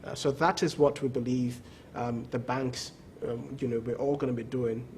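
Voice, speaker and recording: This man, a credit bureau executive giving a TV business interview, has a mid-range, slightly mellow voice with a steady tone and normal speed. He's emphatic, repeats words, and keeps asking "okay?", and he's not from the show's country. A little hiss or hum is audible.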